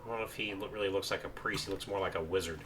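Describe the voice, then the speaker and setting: A man's voice: low-pitched, rapid-fire, a bit bright, a little hiss or hum. A man casually commenting on a video game as he plays, rambling with many fillers. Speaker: gameplay commentator. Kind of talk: let's play commentary.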